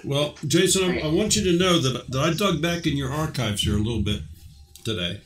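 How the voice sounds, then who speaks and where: A man's voice: a little high, animated, a little fast, recorded from a distance, background noise. Laid-back guy hosting a live chat, kinda echoey room. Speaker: live stream host. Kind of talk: casual chat.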